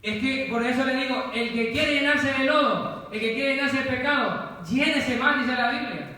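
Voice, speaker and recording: A man preaches a sermon with a very high, bright and forceful voice, repeating his phrases for emphasis and calling out to the congregation. His voice rings through a church hall with a long, roomy reverb. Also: moderate pace.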